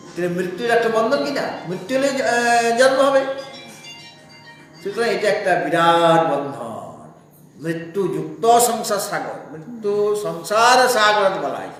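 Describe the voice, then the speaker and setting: Male scripture teacher, high voice, patient rhetorical questioning, heavy hall echo. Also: fairly bright tone, a little hiss or hum. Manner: explains slowly, asks listeners rhetorical questions. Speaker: Vedanta teacher. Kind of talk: scripture class discourse. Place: spiritual society hall.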